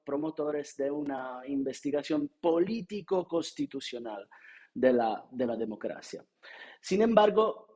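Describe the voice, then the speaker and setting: A native Italian speaker with an Italian accent gives an academic lecture at a seminar, delivering it hesitantly with frequent filler sounds and restarts. His voice is fairly high, warm and slightly rough.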